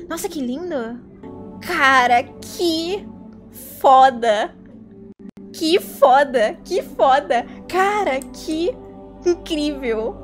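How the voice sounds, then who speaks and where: A young Brazilian woman chatting casually as a cute anime-style VTuber streamer, excitable and gushing as she plays a game. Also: high-pitched, very slow. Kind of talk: casual live game-stream commentary to chat. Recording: game music behind. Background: video game music.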